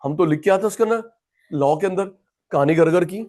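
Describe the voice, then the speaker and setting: A man's voice: sits high, brisk, darkish tone. A man teaching an economics class, chatty and repetitive, calling students by name. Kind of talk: classroom lecture.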